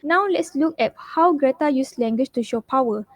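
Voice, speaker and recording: A woman's voice: sits high, lively intonation, normal speed, dry recording. A young woman giving a scripted university class presentation, reading steadily with frequent fillers and self-corrections. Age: young adult.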